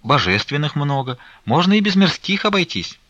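A man's voice: fairly high pitch, big pitch swings, normal speed, fairly bright tone, no echo, pitched above the performer's own voice. A man voicing a polite, obliging male church singer visiting a convent. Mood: courteous. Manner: courteous, obliging. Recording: dull lo-fi dry recording.

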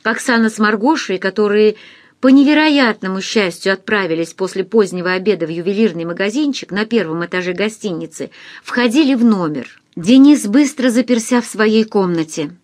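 A woman narrating an audiobook in an even, expressive reading. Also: medium pitch, normal speed, dry recording, clean studio sound. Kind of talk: scripted literary narration.

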